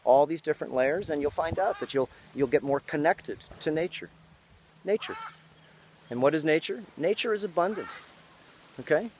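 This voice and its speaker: A man's voice: on the high side, expressive, moderate pace, long pauses, darkish tone. Man in his 50s, outdoor lecture, habit of tagging "okay?", faint outdoor noise behind. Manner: repeats "okay?" after points. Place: outdoors on a lychee farm.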